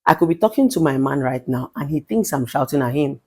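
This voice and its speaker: Speaking very low and a little fast, this husky, animated middle-aged Nigerian woman works as a relationship therapist and delivers a motivational advice monologue. Her voice is authoritative and commanding, forceful and emphatic, with Pidgin phrases mixed in.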